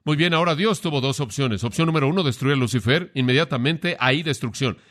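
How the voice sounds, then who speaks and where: A man's voice: mid-range voice, quick pace, fairly bright tone. A middle-aged man preaching a sermon as pastor, earnestly asking and answering his own questions.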